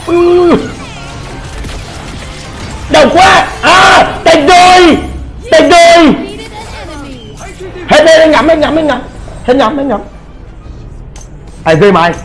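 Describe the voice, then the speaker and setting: A man's voice: very high voice, vocal fry, poor audio. A man giving casual gameplay commentary, swearing and crying out in pain as he plays. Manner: swears, cries out in pain during play. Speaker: gamer streamer.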